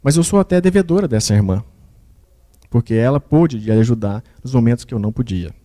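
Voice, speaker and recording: A man voicing an older wife who speaks softly and forgivingly, in a mellow tone. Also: medium pitch, expressive, a little fast, lightly acted. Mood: gentle forgiving.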